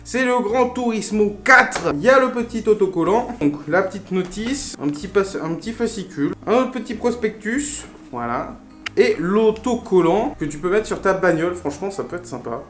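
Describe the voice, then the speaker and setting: A man's voice: high voice, lively intonation, normal speed. A man hosting a casual unboxing video, talking in a chatty, playful way with lots of fillers and asides. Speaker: retro game collector and video host. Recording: roomy echo with faint music.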